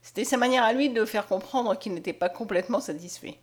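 A woman narrating a classic novel in a measured storytelling manner. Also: fairly high pitch, slightly rough. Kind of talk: audiobook narration.

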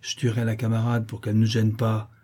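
A man's voice: lowish voice, monotone, quick pace, warm tone, natural voice. A man voicing a vicious one-eyed old woman bandit in an audiobook, snarling and threatening. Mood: menacing.

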